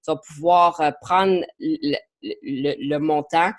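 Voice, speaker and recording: A woman with a low, slow voice and fairly even intonation coaches on marketing in a live online session. A native English speaker with an English Canadian accent, she chats in French peppered with English, often stalling and repeating words.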